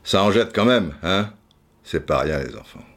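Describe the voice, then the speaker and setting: Casual commentator guy, keeps stammering and repeating himself, super expressive voice. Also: deep voice, normal speed. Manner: animated, stammering repetitions, casual swearing. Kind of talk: casual chat.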